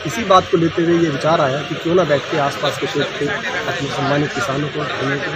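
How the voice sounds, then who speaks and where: A man answering a reporter's questions at a farmers' meeting, speaking earnestly and formally, sometimes restarting his words. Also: fairly high pitch. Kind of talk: spontaneous on-the-spot interview. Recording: outdoors with loud background noise. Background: loud outdoor ambience.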